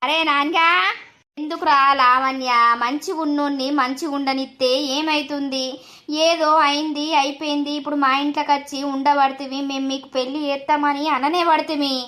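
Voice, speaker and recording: A woman plays a high-voiced village mother-in-law in a home-made cartoon, forever fussing over her family. She pleads, scolds and soothes in a rustic, sing-song way. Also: flat delivery, moderate pace, bright, forceful tone. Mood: coaxing. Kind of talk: animated village drama voice acting.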